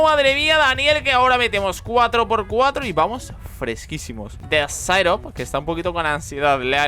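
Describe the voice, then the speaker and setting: Young spanish guy, excited gameplay chatter, high bright voice, bouncy, some game music behind. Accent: Spain Spanish. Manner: excitable, chatty, jokey, loud outbursts. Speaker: gaming youtuber. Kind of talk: casual gameplay commentary.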